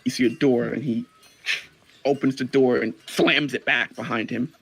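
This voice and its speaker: A man's voice: medium pitch, steady tone, normal speed, gravelly, a bit bright, slightly rough. A man narrating a tabletop role-playing game as dungeon master, describing scenes loosely with many fillers.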